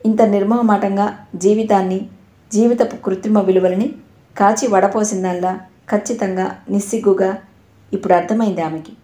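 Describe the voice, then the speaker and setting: A woman narrating a novel in a steady, expressive reading style, in an echoey room. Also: mid-range voice, moderate pace. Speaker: audiobook narrator.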